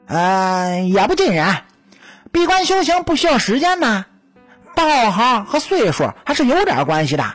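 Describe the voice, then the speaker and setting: A woman's voice: on the high side, very animated, measured pace, soft background music. A woman voicing a cocky, teasing male weasel spirit in a storytelling audiobook. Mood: smug teasing. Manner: teasing, smug, chuckling.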